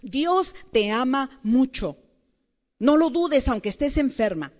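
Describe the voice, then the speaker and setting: A woman with a fairly high voice preaches to a room full of women, playful and animated, throwing questions at her audience. Her voice is a little dull and carries a long reverb from the large hall around her. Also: takes it slowly. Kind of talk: lively conversational sermon.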